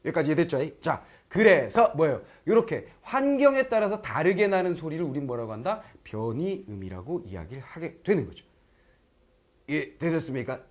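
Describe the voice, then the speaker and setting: In an online Korean grammar lecture, a middle-aged man speaks at normal speed with a slightly high voice. He stays lively, often asking if students understand, and performs foreign learners' lines in quoted voices.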